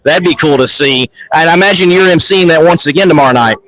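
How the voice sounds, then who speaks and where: A man's voice: on the high side, fast talker, fairly bright tone, rough recording. Upbeat man hosting live event coverage. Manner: chatty, upbeat, repeats himself. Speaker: show host. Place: crowded shop fan fest.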